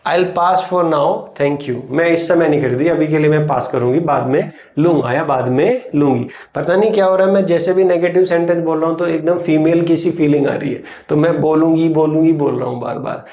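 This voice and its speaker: A man with an Indian accent teaching spoken English, explaining in Hindi and saying English phrases slowly. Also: a little high, mellow, roomy sound, highs cut off. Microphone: writes on a board while teaching.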